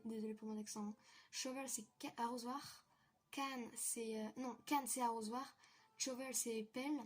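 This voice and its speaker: A woman's voice: a little high, a little hiss or hum. A young woman from France walking viewers through a game hack in a casual, hesitant tutorial full of fillers. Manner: chatty, hesitant with many fillers. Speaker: gaming tutorial youtuber. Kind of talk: casual screen-recorded tutorial.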